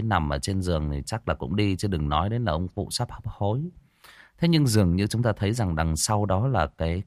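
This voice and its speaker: Man, storyteller, low voice, lively intonation, dry close sound. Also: no echo. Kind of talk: audiobook narration.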